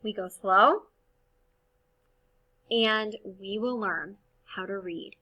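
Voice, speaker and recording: A woman teacher giving a gentle, encouraging reading lesson to first graders, slowly sounding out each word. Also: mid-range voice, muffled recording.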